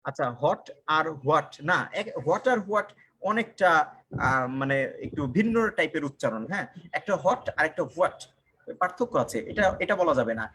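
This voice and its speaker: A young man teaches English live online, his voice a little higher than most men's. He throws questions at the viewers and answers them himself, saying the key lines twice. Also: animated, fast, a bit bright, breathy edge.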